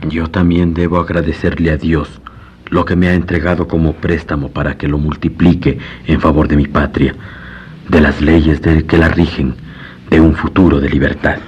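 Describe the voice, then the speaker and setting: A man's voice: very deep voice, level tone, moderate pace, a little mellow, husky, heavily acted. A man playing a grave, world-weary lawyer in a radio drama, formal and brooding. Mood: grave, troubled. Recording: dull lo-fi radio recording.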